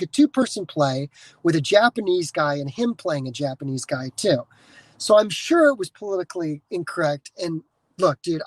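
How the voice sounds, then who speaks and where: This podcast host, a man from the United States, has a high-pitched voice captured in poor audio with no room sound. He rambles casually, restarting often, wandering off topic and swearing freely.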